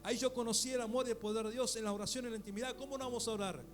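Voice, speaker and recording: High-voiced Rioplatense pastor preaching. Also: male voice, steady tone, rapid-fire, music in the background. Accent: Rioplatense Spanish. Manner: preaching with rising, shouted peaks and rhetorical questions. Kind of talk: sermon.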